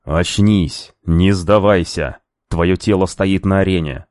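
A male narrator voicing an unseen male spirit who speaks in a slow, solemn, insistent bass. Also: level tone, warm tone, no room sound, studio quality. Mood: urgent. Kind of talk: audiobook character voice.

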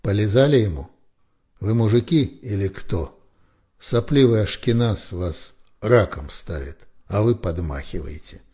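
An insolent young soldier talks back in a slow, flat, low voice, as a male narrator puts him on. His tone is dark and husky and carries open contempt. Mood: scornful.

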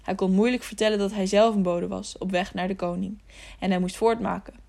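Steady woman audiobook narrator. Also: medium pitch, brisk, vocal fry. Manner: steady storytelling read.

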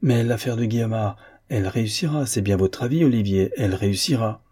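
A man reads a sick, feverish father in a storybook, agitated and pressing with his questions. The voice is low, mellow and a little husky. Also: brisk. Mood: insistent.

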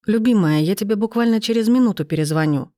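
A woman reading the part of an enraged, powerful man who speaks low and threateningly. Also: fast, dark tone, no room sound, clean studio sound, close to an everyday voice. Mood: calm.

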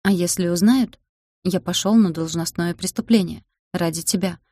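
A woman's voice: fairly low pitch, moderate pace, mellow, dry recording, studio quality, natural voice. A woman voicing a furious young male demon who captains a guard, speaking in a snarling, threatening way. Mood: angry.

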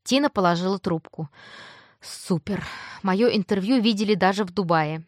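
A woman reads a first-person audiobook with lively, emotive delivery. Her voice sits in a middle register and the recording is dry and close, with no room around it. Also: medium pitch, moderate pace, no echo. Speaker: audiobook narrator.

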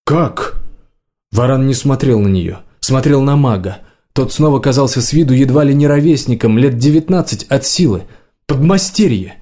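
A man narrating a fantasy audiobook in an even, measured reading. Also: mid-range voice. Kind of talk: scripted narration.

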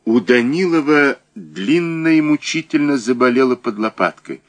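A man narrating a crime novel audiobook in a measured, dramatic way. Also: mid-range voice, lively intonation.

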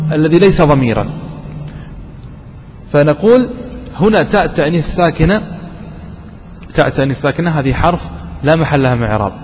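A man teaching a grammar lesson, quizzing his students and slowing down to stress key terms. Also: fairly high pitch. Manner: asks students questions and answers them himself. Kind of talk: classroom lesson. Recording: distant voice with long reverb and faint noise.

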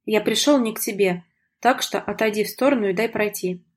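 Cold and cocky young guy read by a woman, offhand and mocking, a bit husky, audiobook. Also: medium pitch, brisk, lightly acted. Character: cool, cocky young man. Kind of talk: audiobook dialogue reading.

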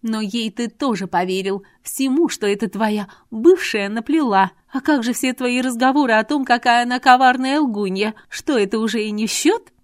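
A woman voicing a haughty, jealous woman who speaks in a mocking, hissing, sharp-tongued way. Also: fairly high pitch, normal speed, hardly any pauses, dry recording, studio quality, pitched above the performer's own voice, natural voice. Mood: indignant.

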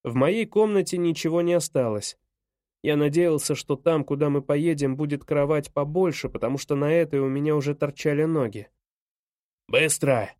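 A man narrating a first-person audiobook in a measured, even way. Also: fairly high pitch, no echo, studio quality.

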